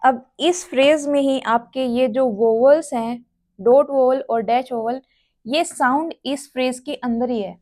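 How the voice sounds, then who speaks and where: A woman's voice: high-pitched, a little mellow. A woman teaching a shorthand lesson, repeating each sound and place one by one. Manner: slow, repetitive, spells out sounds and places one by one. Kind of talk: classroom lesson explaining step by step.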